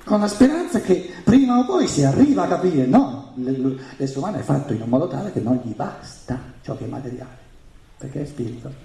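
A man's voice: on the high side, sing-song, brisk, vocal fry, dark tone. A man, a native German speaker with a German accent in Italian, giving an emphatic spiritual lecture full of repetition and rhetorical questions. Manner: emphatic, repeats phrases and poses rhetorical questions. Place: indoor room with an audience. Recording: roomy, echoing live talk.

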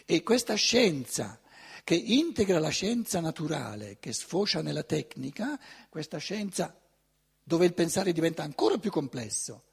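An older man giving a conference talk in a lecture hall, animated and conversational, often asking his audience rhetorical questions. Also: a little high, moderate pace, creaky, breathy edge.

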